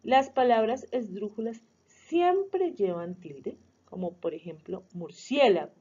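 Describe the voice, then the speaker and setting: A woman explaining punctuation and accent rules in a measured way, with some hesitations and fillers. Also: medium pitch, lively intonation, mellow. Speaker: student presenting a review video. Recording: dull lo-fi sound.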